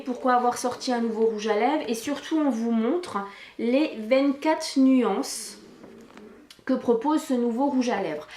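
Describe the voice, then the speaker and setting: A woman's voice: fairly high pitch, a little mellow, reverberant, slight background noise. A woman chatting casually through a product review vlog, talking with many fillers and restarts into a camcorder microphone.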